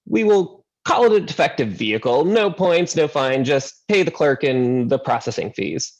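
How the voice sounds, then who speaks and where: Kindly amused judge, patient and matter-of-fact, gravelly voice, as a preacher plays him. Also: male voice, on the high side, expressive, moderate pace, lo-fi sound. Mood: reassuring. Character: mildly amused traffic court judge, kindly.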